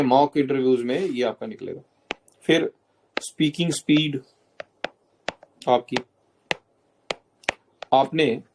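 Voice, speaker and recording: A man's voice: medium pitch, a little mellow. A man coaching students for a job interview, explaining step by step, mixing English terms into Hindi and often checking in with "okay?".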